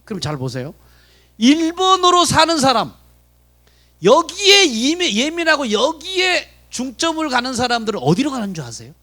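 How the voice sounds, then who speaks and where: A man's voice: very high-pitched, very animated, moderate pace, sharp tone. A man preaching a sermon as pastor at a Friday prayer meeting in a church, often putting questions to the congregation. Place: church sanctuary.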